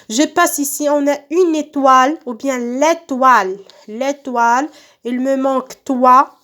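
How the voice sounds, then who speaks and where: Slow, high-voiced woman teacher. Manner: slow, stretched-out words repeated for children. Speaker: primary school teacher. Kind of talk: recorded home lesson for young pupils. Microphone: phone.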